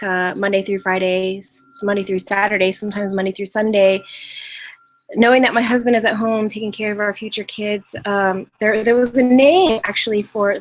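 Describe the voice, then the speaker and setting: This online business host is a Californian woman in her thirties, speaking in a mid-range voice over a rough recording with a little hiss or hum. Her live-streamed training comes from a family home, and she chats upbeat, with plenty of fillers and restarts.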